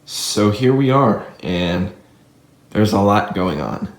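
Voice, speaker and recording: A man's voice: on the low side, animated, slow pace. A seventeen-year-old young man talking casually through a gaming setup tour in his bedroom, rambling and chatty, filmed on a handheld phone. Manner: rambling, chatty, filler-heavy. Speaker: gaming YouTuber. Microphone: phone camera held in hand. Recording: echoey room on a phone mic.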